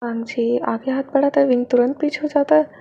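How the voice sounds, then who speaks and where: High, gravelly woman reading a story. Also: steady tone, brisk, warm tone. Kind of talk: reading fan fiction aloud. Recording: dull lo-fi, faint noise.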